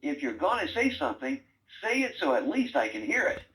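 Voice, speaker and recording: A sarcastic talking brain toy. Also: male voice, on the high side, big pitch swings, brisk, a bit bright, rough recording. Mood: teasing. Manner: sarcastic, teasing, bossy quiz-style prompts. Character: wisecracking male talking brain robot toy. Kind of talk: toy voice lines.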